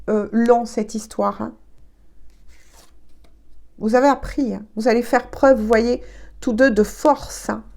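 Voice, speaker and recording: Congested from allergies, a woman gives a chatty, relaxed tarot reading, hesitating often and saying "hein" a lot. Her voice is a little high, gravelly and darkish.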